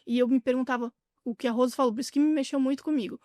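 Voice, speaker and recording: A woman with a Brazilian Portuguese accent, speaking candidly as an interview guest, with halting restarts. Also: sits high, fairly even intonation, mellow, no echo, clean studio sound. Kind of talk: casual interview chat.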